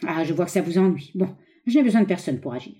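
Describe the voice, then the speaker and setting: A woman reading an audiobook, voicing a ruthless, scheming young man who speaks in an urgent, forceful, raised voice. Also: fairly low pitch, expressive, quick pace, natural voice.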